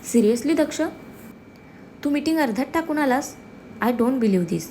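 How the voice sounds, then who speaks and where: A woman's voice: brisk, darkish tone, a little hiss or hum, lightly acted. A woman voicing a surprised young male friend who asks disbelieving questions. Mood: incredulous. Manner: incredulous, raised pitch.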